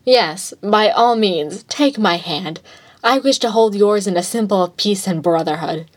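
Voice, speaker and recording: A brooding young male villain, read by a woman, his voice drained and flat with a dry, sardonic edge. He speaks in measured lines in a fan fiction read-aloud. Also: lowish voice, lightly acted. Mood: sarcastic.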